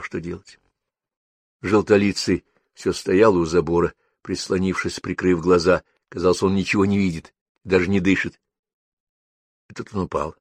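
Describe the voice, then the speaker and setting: A man narrating a first-person story as an audiobook, in measured storytelling. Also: lowish voice, dry recording.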